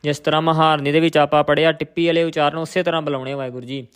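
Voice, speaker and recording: A man teaching scripture recitation, reading verses in a measured, even chant and stopping to explain pronunciation. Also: on the high side, smooth.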